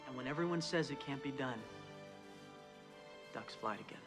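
An American actor in his thirties playing an earnest youth hockey coach giving an emphatic, deliberate halftime pep speech in a film. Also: mid-range voice, close to an everyday voice. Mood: rallying. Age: 30s. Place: locker room. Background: film score music.

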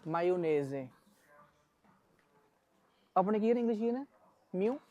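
A man's voice: high voice, lively intonation, unhurried, mellow, muffled recording. A man with a Punjabi accent, chatting casually to his viewers as a vlogger. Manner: chatty, addresses viewers as friends. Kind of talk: casual vlog narration to viewers.

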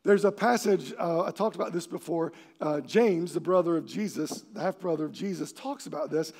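Animated high-voiced male pastor preaching. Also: normal speed. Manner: animated, acts out quoted voices and shouts for emphasis. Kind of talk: sermon. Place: church sanctuary.

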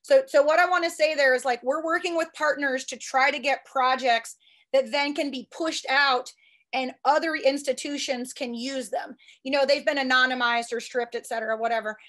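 A woman who is a statistics professor giving a quick, eager conference talk with frequent restarts. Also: sits high, steady tone, a bit bright. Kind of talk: fast conference presentation.

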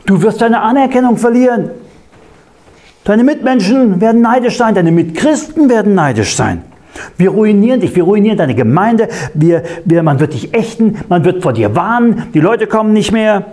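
Man playing the scornful tempter; mocking threats, a bit high and animated. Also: moderate pace. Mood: threatening. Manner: taunting, mocking warnings. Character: whispering enemy tempter, male, scornful and threatening.

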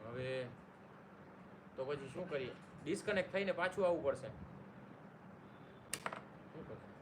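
A man's voice: medium pitch, lively intonation, normal speed. A man hosting a casual live stream, greeting viewers by name and joking along. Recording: noisy room ambience.

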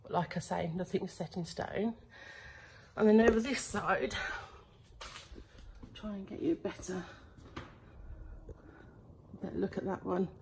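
A woman's voice: mid-range voice, unhurried, vocal fry, pauses often, background noise. Chatty woman vlogging casually. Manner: chatty, rambling, many fillers; talks quietly inside the unit. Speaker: online reseller. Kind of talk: casual vlog to camera. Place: storage unit.

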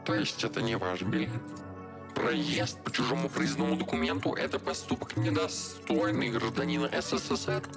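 An actor playing a polite, unflappable robot train conductor in a video game, speaking in formal, bureaucratic, overly courteous phrases. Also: male voice, lowish voice, expressive, moderate pace, vocal fry, over music. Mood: officious reproach.

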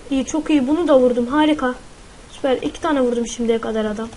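A high-voiced woman talks through her gameplay as she goes, jittery and foul-mouthed whenever a threat appears. A light hiss sits under her home recording. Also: quick pace, warm tone, low-quality recording. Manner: frightened, swears a lot, shrieks in panic. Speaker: gaming YouTuber. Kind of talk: live gameplay commentary.

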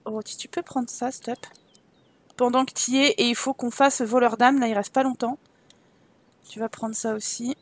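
Speaking at normal speed with a slightly high voice and fairly even intonation, a female let's-player reads quest text aloud as she plays. Her commentary is casual and playful, full of laughter and offhand swearing, recorded with no room sound.

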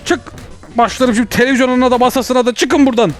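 Fast excitable young man gaming. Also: very high-pitched, soft background music. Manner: rapid, jumpy, yelling and cursing at spiders. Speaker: VR gaming YouTuber. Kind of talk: excited let's-play commentary.

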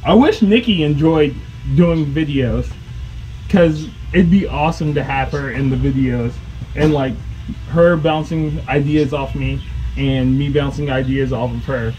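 A young man vlogging from his home kitchen, chatting casually and relaxed to the camera, laughing at himself now and then. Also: on the high side, unhurried, rough recording. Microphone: camera on a counter, close. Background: background music.

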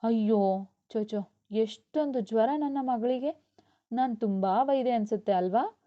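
A woman reading a storybook aloud, voicing a weary, short-tempered young mother who scolds briskly. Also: a little high, close to an everyday voice. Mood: soothing. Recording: dull lo-fi.

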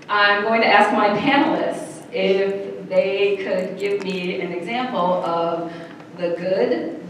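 Playful woman moderating, echoey distant hall. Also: medium pitch. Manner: playful, joking, laughs often. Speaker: panel moderator. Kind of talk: convention panel talk. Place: large echoey convention room. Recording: echoey hall recording from far off, with noise.

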